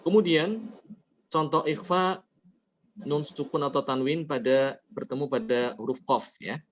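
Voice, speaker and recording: A man teaching Quran recitation rules, explaining each rule and then reciting the examples slowly and melodically. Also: on the high side, highs cut off, a little hiss or hum. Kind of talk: tajwid lesson.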